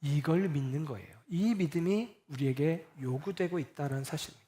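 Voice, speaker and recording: A middle-aged man delivers a sermon in a somewhat high voice. He leans on rhetorical questions and acts out little scenes with quoted voices. He swings from loud emphasis to soft, low closing lines. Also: a little fast. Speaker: pastor.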